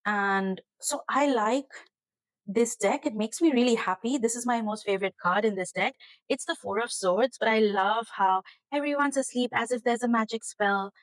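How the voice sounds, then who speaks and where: A woman's voice: on the high side, normal speed, no room sound, rough recording. A woman hosting her own tarot channel, chatting casually to camera from her kitchen in an earnest, rambling way that turns emotional. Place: home kitchen.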